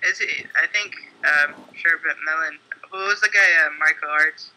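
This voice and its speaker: Man, guest, joking, high pitch, sharp bright voice, casual chat. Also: normal speed, low-quality recording. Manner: joking, playful. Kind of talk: casual live-stream chat.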